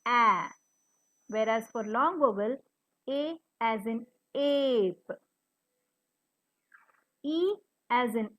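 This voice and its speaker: A woman's voice: on the high side, fairly bright tone. A woman teacher explaining short and long vowels, sounding out letters one by one. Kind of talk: phonics lesson. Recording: slightly dull, lo-fi recording.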